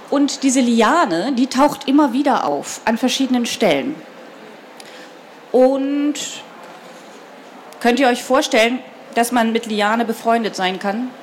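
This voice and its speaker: A woman reading a children's novel aloud in the first person and then talking lively and directly to young listeners about the story. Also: on the high side, a little hiss or hum. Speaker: reader of a children's book.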